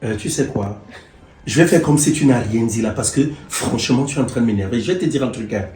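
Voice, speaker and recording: A man playing a domineering, boastful husband who hectors and shouts at his wife in a comedy web series. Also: mid-range voice, quick pace, lightly acted. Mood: stern. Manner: blustering, hectoring, rising to shouts. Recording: echoey room, mic far off, music.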